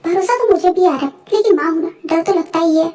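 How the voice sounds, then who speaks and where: A woman's voice: very high voice, fast, dark tone. A woman doing a worried, caring mother. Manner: anxious, soothing. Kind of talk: fan voice-over drama.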